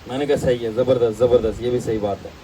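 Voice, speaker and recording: A man teaching a Bible class, animated and storytelling, mixing English phrases into his talk. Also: mid-range voice, recorded from a distance, a little hiss or hum, poor audio. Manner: animated, acts out voices in anecdotes; mixes English phrases into Urdu.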